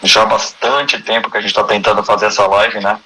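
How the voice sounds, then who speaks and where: Brazilian guy hosting a live, bright voice, a bit low, chatty, faint hiss behind. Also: little pitch movement, fairly quick, low-quality recording. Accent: Brazilian Portuguese. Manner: chatty, friendly, restarts often. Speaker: host of a live stream. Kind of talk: casual live-stream interview.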